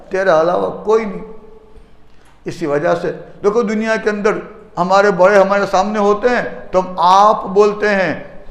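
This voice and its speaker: High-voiced preacher in echoey mosque. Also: male voice. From India. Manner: rhetorical questions, repeating phrases for emphasis. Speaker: mufti preacher. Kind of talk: Friday sermon. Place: mosque hall. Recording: echoey mosque hall reverb.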